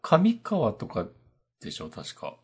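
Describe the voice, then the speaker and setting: Male co-host, lively up-and-down delivery, easy conversational back-and-forth. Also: lowish voice, vocal fry, slightly rough. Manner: quick back-channel replies, laughs along. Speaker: podcast co-host. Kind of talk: casual chat.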